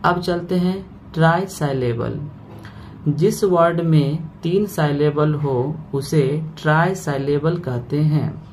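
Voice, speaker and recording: A man teaching a grammar lesson. He breaks words into parts slowly and keeps checking in with "okay" after each point. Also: on the high side, a little mellow, slight background noise.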